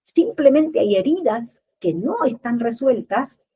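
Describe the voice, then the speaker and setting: Woman, therapist guest, lively swooping pitch, slightly husky voice, acts out examples. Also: measured pace. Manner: expressive, acts out little scenes and rhetorical questions. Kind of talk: explanatory interview talk.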